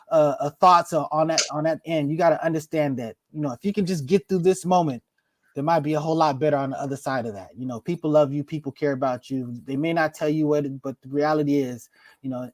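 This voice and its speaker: A man's voice: fairly high pitch, dry recording. A man in his fifties hosting a casual panel talk show, easygoing and handing the floor to each guest. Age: 50s. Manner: easygoing, hands the floor around, repeats words. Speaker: host.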